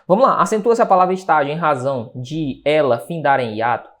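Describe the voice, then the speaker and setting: A man with a Brazilian Portuguese accent teaching an online exam-prep grammar lesson, lively and chatty, often pausing to check in with his students. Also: a little high. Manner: lively, chatty, keeps asking rhetorical check-in questions.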